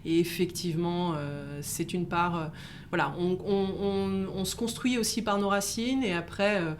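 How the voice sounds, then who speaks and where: A middle-aged woman, born in Italy and raised in France, answering interview questions in a halting way with many fillers and restarts. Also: fairly low pitch, steady tone, slight background noise. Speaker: guest. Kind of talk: casual interview.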